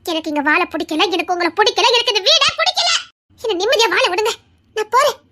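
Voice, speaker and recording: A woman's voice: very high voice, very animated, quick pace, sharp tone, heavily acted. A woman voicing a frightened, tearful young wife who insists on leaving, in an audio drama. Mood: shouting.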